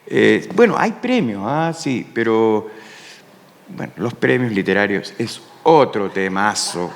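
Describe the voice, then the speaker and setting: Speaking at a panel in a space with long hall reverb, a Chilean poet talks slowly in a lowish voice that's very animated and shows vocal fry. His manner is reflective and musing, peppered with the rhetorical "¿no?" as he checks in with the audience.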